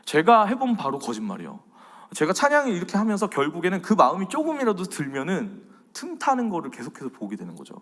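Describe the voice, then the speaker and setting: Animated Korean pastor with hall reverb. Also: male voice, sits high, fast talker. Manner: animated, swings between loud and soft. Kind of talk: sermon-style faith lecture.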